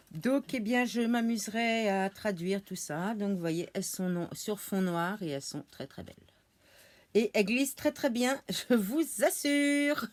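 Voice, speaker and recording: Slow, chatty French woman unboxing at home. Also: lowish voice. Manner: chatty, hesitant, many fillers and restarts; laughs easily while showing items. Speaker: unboxing vlogger. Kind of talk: casual unboxing chat.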